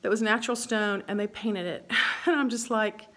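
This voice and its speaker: A woman's voice: medium pitch, normal speed, a bit bright. A middle-aged woman chatting casually through a home video tour, rambling and laughing often, her voice echoing in a bare room. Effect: long echo in a bare room under renovation. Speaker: vlogger. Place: her bedroom during home renovation, indoors. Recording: echoey room with long reverb.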